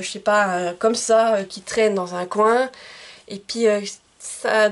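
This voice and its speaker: Chatty woman giving book recommendations. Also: medium pitch. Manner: chatty with many fillers. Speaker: book vlogger. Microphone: camcorder.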